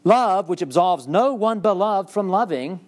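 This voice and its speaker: A man reading aloud as a charming, flattering young woman, voicing her lines in a lilting, swooning recital of verse. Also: high-pitched, unhurried, voice pushed up. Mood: yearning.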